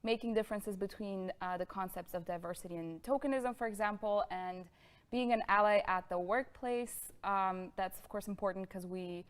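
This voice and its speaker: A young woman from Bulgaria gives a lecture in a smooth, clear voice. She is friendly and fills pauses with ums, then rushes ahead in quick bursts. The sound comes from a camera a little way off in a studio room. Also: mid-range voice. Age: 20s. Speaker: guest lecturer. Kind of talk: presenting a lecture. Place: studio room with pink sofa.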